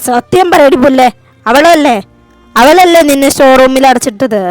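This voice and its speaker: Storybook reading: raging young cop, loud and threatening, voiced by a woman with a high pitch. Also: lively intonation, normal speed, no echo, soft background music. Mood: enraged. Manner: shouting, threatening. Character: furious hot-tempered young man, a police officer.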